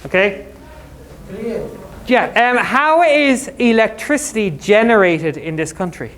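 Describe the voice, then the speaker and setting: A male English teacher in a school classroom, explaining words to students with quick, jokey everyday examples. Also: high-pitched, lively intonation, fairly bright tone, a little hiss or hum.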